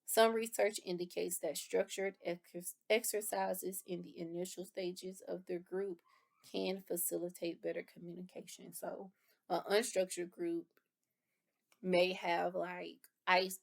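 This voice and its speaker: A woman's voice: fairly low pitch, flat delivery, measured pace, creaky. A woman reviewing course material in a lecture, explaining terms and rephrasing them with casual fillers. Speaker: instructor.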